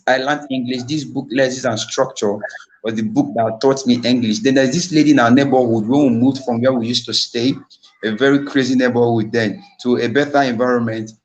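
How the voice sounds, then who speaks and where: A man's voice: medium pitch, steady tone, normal speed, highs cut off, a little hiss or hum. A young man with a Nigerian accent giving a motivational talk on a live stream, telling his own story earnestly and repeating key points to his audience. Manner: earnest, repetitive storytelling, addresses the audience directly. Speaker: invited speaker.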